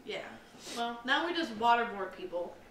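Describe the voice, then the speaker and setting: A woman's voice: on the high side, animated, normal speed, a bit bright. A young woman co-hosting a casual podcast, rambling and self-deprecating with many fillers. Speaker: podcast co-host. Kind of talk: casual chat. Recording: roomy, slightly distant mic with faint hiss.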